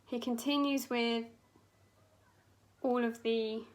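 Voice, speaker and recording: Young woman, makeup artist, unhurried and dramatic storyteller, a touch high-pitched, casual and sweary. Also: steady tone, poor audio.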